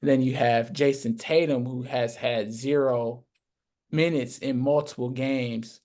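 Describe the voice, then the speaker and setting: A man in the role of morning radio show host, talking in a medium-pitched voice. He is conversational and a little teasing, building up long, rambling questions for his sports guest. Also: steady tone, unhurried, a little mellow.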